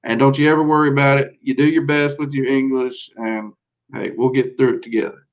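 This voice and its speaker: A magic-teaching livestream host with a Southern US accent responds to viewers in a casual, folksy, rambling way, leaning on many fillers. He talks briskly in a flat, mid-range voice.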